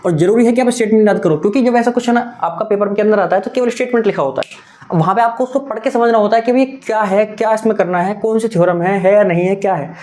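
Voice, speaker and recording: Talking fast in a high-pitched, slightly mellow voice, a young adult man teaches maths for an upcoming exam. He speaks in a coaxing, repetitive manner and mixes in English terms.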